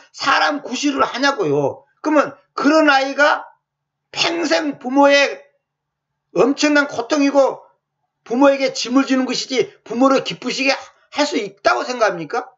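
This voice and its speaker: A male pastor preaching a sermon in a colloquial, animated way full of rhetorical questions. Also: very high-pitched. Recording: muffled lo-fi sound.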